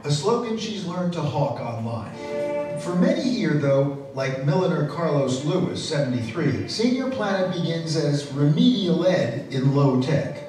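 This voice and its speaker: A male reporter narrating a news feature in a measured, crisp way. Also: a little high, big pitch swings, over music. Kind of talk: scripted narration. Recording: echoey, distant, noisy.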